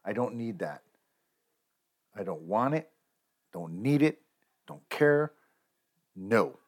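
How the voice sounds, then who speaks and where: A man's voice: fairly low pitch, big pitch swings, takes it slowly. A man hosting a podcast, ranting emphatically about hit-and-run drivers. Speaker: podcast host. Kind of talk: opinionated podcast commentary.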